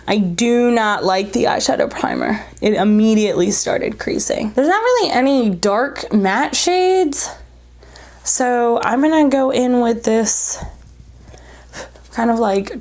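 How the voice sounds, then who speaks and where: A woman's voice: mid-range voice, gravelly, darkish tone. A woman chatting casually and bluntly as she reviews makeup, sounding short of breath and congested from allergies, almost hyperventilating. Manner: informal, blunt, jokey asides. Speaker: beauty vlogger reviewing makeup. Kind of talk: casual chat to camera while applying makeup.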